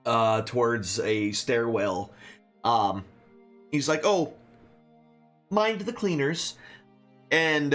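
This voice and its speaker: A man narrating a tabletop game as game master, improvising in a casual, halting way. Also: medium pitch, a bit bright.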